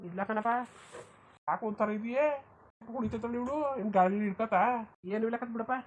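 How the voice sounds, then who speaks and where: Gruff old father-in-law for a cartoon, fast, cursing, a woman voices it. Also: fairly high pitch, highs cut off, a little hiss or hum, natural voice. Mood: grumbling. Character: gruff elderly village father-in-law, quick to curse.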